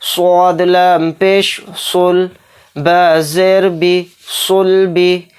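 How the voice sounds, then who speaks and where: Patient Quran reading teacher, smooth voice. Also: medium pitch, flat delivery, darkish tone. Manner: spells out syllables slowly, then explains the rule in brisk asides; patient, asks and answers own questions. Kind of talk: step-by-step spelling and recitation lesson.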